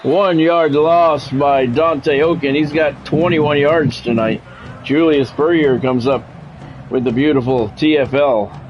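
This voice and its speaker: Over a video game, a man delivers measured football play-by-play in the style of a broadcast, speaking in clipped phrases and tossing in casual gamer asides. His voice sits a little high, the highs are cut off, and there's a faint hiss or hum.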